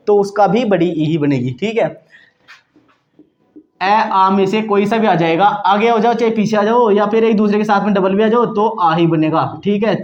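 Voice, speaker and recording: In this muffled clip, a man's high voice with a somewhat dark tone leads a grammar class. Frequently saying "ठीक है दोस्तों," he quizzes his students and then supplies the answers, checking in with them throughout.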